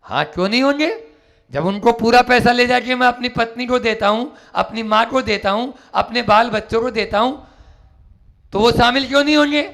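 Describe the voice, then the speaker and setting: A man voicing a fierce, boastful male robber who threatens loudly, inside a spoken sermon. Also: high voice, normal speed, vocal fry. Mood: defiant.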